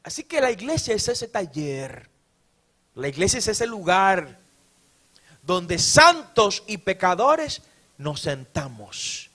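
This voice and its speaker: Male pastor, high-pitched, energetic church sermon with shouted praise. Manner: animated preaching, shouting praise, mimicking complainers. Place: church before a congregation.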